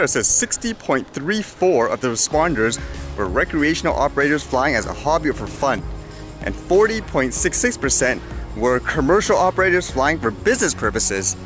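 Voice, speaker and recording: Outdoors in a windy city, a man vlogs casually on an action camera, reading news items aloud, commenting, and musing with questions to himself and his viewers. His voice is on the high side, very animated, brisk, and fairly bright, with clear background music behind him.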